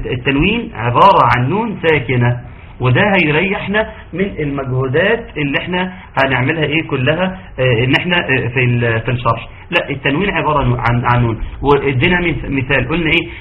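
Egyptian man, quick speech, tajweed teacher, quizzes his students, dull lo-fi call audio. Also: fairly high pitch, animated, a little hiss or hum. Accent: Egyptian Arabic. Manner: interactive, quizzing students, praising answers. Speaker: Quran recitation teacher. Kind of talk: online tajweed lesson.

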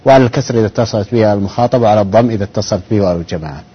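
A man hosting a call-in program, courteous and brisk as he takes callers and reads out online answers. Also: on the low side, husky. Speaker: program host. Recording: dull broadcast audio.

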